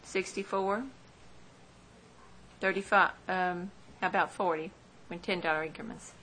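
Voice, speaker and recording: A woman's voice: fairly low pitch, steady tone, measured pace, sharp tone. A woman working as an auctioneer at a live auction, reading out lot numbers and bids in a procedural way, digit by digit. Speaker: auctioneer at a property tax sale. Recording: live room recording with background noise.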